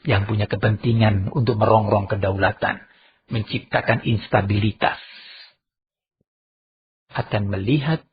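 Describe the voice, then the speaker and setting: A man preaching a sermon in Indonesian-accented speech, animated, often raising his voice sharply to act out quoted speakers. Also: a little slow, pauses often. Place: large mosque. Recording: muffled low-bitrate mosque recording.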